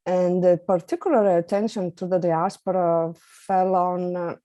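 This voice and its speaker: Mellow woman presenting. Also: lowish voice, steady tone, measured pace, no echo, dull audio. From Lithuania. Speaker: journalist, invited speaker. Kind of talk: prepared webinar presentation.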